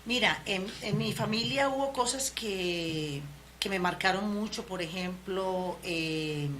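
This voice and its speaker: A woman's voice: medium pitch, takes it slowly, a bit bright. A woman in her fifties from Colombia with a Cali accent, telling her life story in an interview, with many fillers and restarts. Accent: Colombian Spanish from Cali. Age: 50s. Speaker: interview guest. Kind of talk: relaxed personal storytelling. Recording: noisy background ambience.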